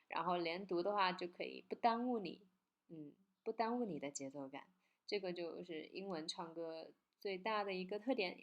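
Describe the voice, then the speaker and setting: A woman teaching an English song in Mandarin, breaking lines down slowly and singing phrases to show how the words link together. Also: lowish voice.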